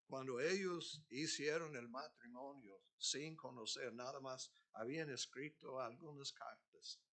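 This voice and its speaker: A man's voice: medium pitch, unhurried, a bit bright. A man preaching a sermon as pastor, earnest, building to emphatic peaks. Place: church.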